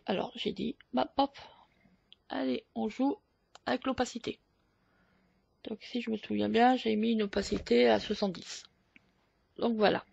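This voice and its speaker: A woman hosting a photo editing tutorial, explaining each step slowly with hesitant fillers. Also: a little high, vocal fry, slightly rough, no echo, highs cut off. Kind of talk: screen-recorded software tutorial.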